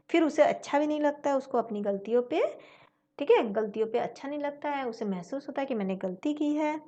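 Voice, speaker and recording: A woman's voice: a little high, dark tone, dull audio. A woman teacher explaining a story lesson, retelling each line and then paraphrasing it with rhetorical questions.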